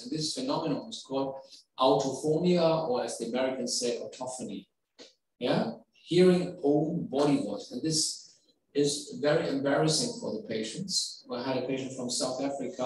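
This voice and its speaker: A man's voice: mid-range voice, normal speed, darkish tone, a little hiss or hum. A middle-aged man with a German accent giving a medical lecture, explaining step by step and putting questions to the audience. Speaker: neurology professor giving a lecture. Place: lecture hall. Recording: echoey hall, voice from far off.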